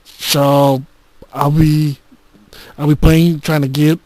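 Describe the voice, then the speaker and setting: Gaming host, male, casual update taped on a console voice recorder like a dictaphone; dry close sound, slightly high pitch, stop-start delivery. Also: level tone, darkish tone, no echo, low-quality recording. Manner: halting, with frequent restarts and filler words. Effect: recorded on a handheld game console's voice recorder, dictaphone-like. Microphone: handheld game console's built-in recorder.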